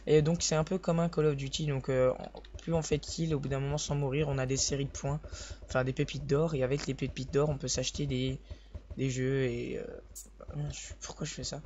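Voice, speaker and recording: Soft-spoken young man with a sore voice. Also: mid-range voice, level tone, moderate pace. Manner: hesitant, rambling, restarts sentences. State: sore voice, speaking softly. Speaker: gaming video host. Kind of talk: live gameplay commentary. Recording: slightly dull lo-fi recording with faint hiss.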